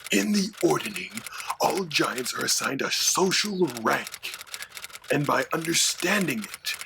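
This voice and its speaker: A man voicing a mock-menacing male dragon sidekick who explains monster lore in a hushed, lecturing way. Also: fairly high pitch, gravelly, background noise, full character voice. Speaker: co-host.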